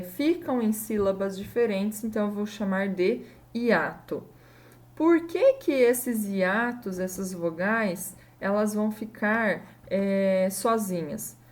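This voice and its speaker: Slow, patient woman teacher. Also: medium pitch, darkish tone. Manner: patient, slow, spells out letters and checks in often. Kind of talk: explaining a grammar lesson.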